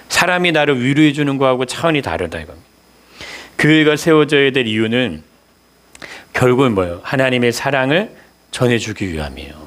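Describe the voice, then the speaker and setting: A male pastor delivers a Sunday sermon at a middle pitch for a man. He keeps putting questions to the congregation and answers them himself, often repeating key words for emphasis. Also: a bit bright.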